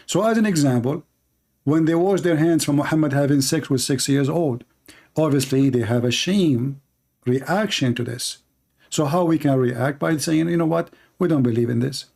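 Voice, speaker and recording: A native Arabic-speaking man hosts a polemical religious debate in English, his voice a little high, a little mellow and creaky. He keeps a moderate pace and speaks emphatically and repetitively with non-native phrasing.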